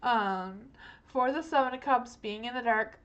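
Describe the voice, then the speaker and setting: A woman's voice: fairly high pitch, unhurried, a bit bright, dull audio. A young woman live-streaming tarot readings, talking in a rambling, hesitant way with many likes and ums. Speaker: tarot reader.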